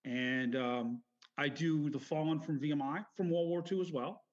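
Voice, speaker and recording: A man's voice: fairly high pitch, fairly even intonation. Middle-aged man rambling through stories, dull audio. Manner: halting, meandering, self-correcting. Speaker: military veteran interviewee. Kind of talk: rambling personal storytelling interview.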